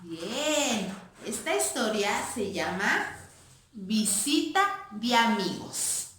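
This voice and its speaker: A woman primary school teacher reading a play aloud to children in an expressive way, in an echoey room. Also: on the high side, drawn-out words, a little hiss or hum. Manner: expressive, addressing children directly.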